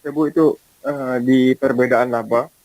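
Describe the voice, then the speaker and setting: A man's voice: medium pitch, steady tone, normal speed, a little mellow, no room sound, low-quality recording. A man's voice comes over a video call that keeps cutting in and out. He is a student asking questions, politely repeating himself to get through. The sound is dry and close, with no room around it. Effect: choppy call audio breaking up. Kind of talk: asking questions in an online class.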